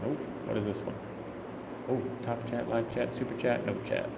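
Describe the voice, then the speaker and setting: A man's voice: mid-range voice, little pitch movement, normal speed, vocal fry, roomy sound, in a large hall, very noisy. A man in his thirties, a travel vlogger, casually answering viewer questions on a live stream, rambling and thinking aloud. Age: 30s.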